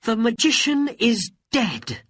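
A man's voice: high-pitched, sing-song, takes it slowly, fairly bright tone, no room sound, studio quality, voice pushed up, full character voice. A man voicing a brave young male hero who speaks firmly and commandingly.

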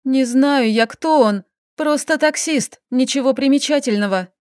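A woman's voice: sits high, a little slow, no echo, clean studio sound. A woman voicing a tearful, defensive young wife in a storybook reading, rising and pleading.

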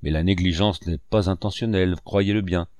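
A man reading an audiobook, voicing a calm, lightly ironic male doctor. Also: sits low, normal speed, dry recording, clean studio sound, natural voice. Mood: measured.

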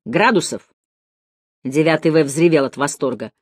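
Lively low-voiced woman narrating a story. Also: normal speed, no echo, studio quality. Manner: lively expressive reading. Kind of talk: audiobook narration.

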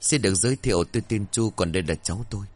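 A man voicing a calm older spiritual master who speaks softly and politely. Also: fairly low pitch, very fast, close to an everyday voice. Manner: soft, polite and quiet.

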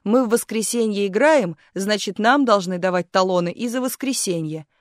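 A woman's voice: medium pitch, moderate pace, dry recording, studio quality, close to an everyday voice. Woman doing a pushy actress mom, rattles on, gets indignant, storybook. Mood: hurried. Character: pushy young actress mother, brash, hurried. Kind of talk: audiobook character voice.

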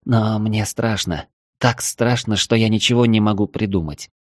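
A man's voice: lowish voice, steady tone, moderate pace, no echo, studio quality, natural voice. A male reader voicing a frightened young woman from the capital, anxious and pleading. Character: frightened young Moscow woman on a river trip.

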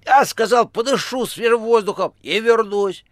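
A man's voice: high voice, no echo, voice pushed up, natural voice. A man voicing a fawning male chatterbox who gushes over the phone in an audiobook. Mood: gushing. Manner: gushing, rapid chatter.

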